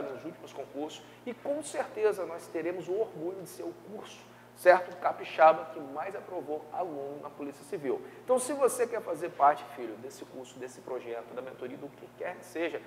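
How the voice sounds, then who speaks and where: A Brazilian man teaching an exam-prep review class, lively and checking in often with his students. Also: a little high, in a large hall, a little hiss or hum. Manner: lively, peppers speech with tag questions.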